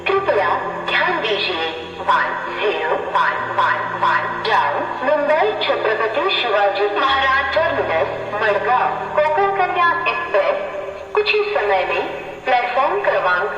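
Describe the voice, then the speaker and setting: An automated station announcer, reading a slow, measured train announcement over an outdoor loudspeaker. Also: medium pitch, big pitch swings, soft background music. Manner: slow, measured, repeated in three languages. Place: railway station platform, outdoors. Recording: muffled, echoey, distant loudspeaker.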